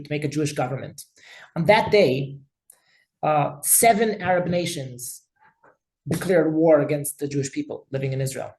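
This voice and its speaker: A man's voice: on the high side, darkish tone, reverberant, low-quality recording. A man teaching a class as a rabbi. He speaks emphatically and often repeats words as he talks. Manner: emphatic, with frequent word repetitions. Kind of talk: class lecture with discussion.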